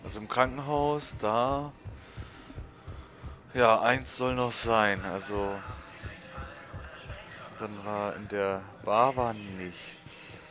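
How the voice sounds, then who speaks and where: A man's voice: on the low side, fairly even intonation, extremely slow, pauses often, a bit bright. A man giving casual gameplay commentary as a let's play host, musing and thinking aloud. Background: game music.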